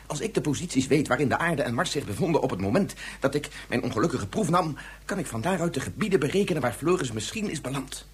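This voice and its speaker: Playing a guilt-stricken but resolute father and scientist in a Dutch radio drama, the actor delivers his lines in a measured, earnest, insistent manner. His voice is fairly high and animated, with a breathy edge.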